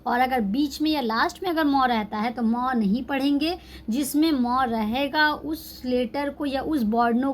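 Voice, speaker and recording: Woman teacher, high voice, patient step-by-step explainer, faint room noise. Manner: explains patiently, spells out letters slowly. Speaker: language teacher. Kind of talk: online language lesson.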